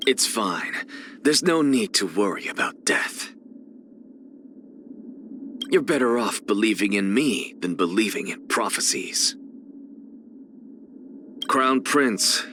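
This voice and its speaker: Confident and solemn, an arrogant scholar character from a video game lectures with cool disdain in an exaggerated voice. Fairly low yet crisp and forceful, it swings theatrically in pitch while he deliberately savors every phrase, over a little hiss or hum.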